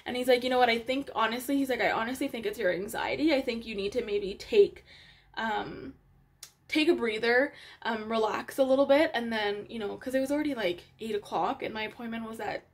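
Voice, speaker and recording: A woman vlogger recounting a hard personal story, halting and emotional with many fillers and restarts. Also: on the high side. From Africa.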